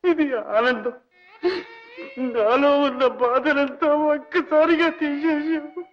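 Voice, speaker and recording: A weeping ruined old leper. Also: male voice, sits high, big pitch swings, a little slow. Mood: tearful, grateful. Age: older. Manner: sorrowful, tearful, self-pitying pleading. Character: old ruined former millionaire man with leprosy, humble, grieving. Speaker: film character. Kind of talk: 1960s Telugu film drama. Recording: dull old film soundtrack with music.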